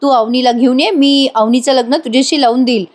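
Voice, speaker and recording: A woman's voice: high voice, steady tone, a little fast, darkish tone, natural voice. A woman voicing a stubborn, angry older father who speaks sternly and refuses to listen.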